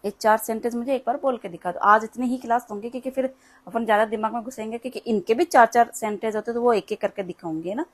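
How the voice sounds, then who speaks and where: A woman's voice: on the high side, fast. A woman, tutoring at home in a patient, explanatory, chatty way. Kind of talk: casual home lesson.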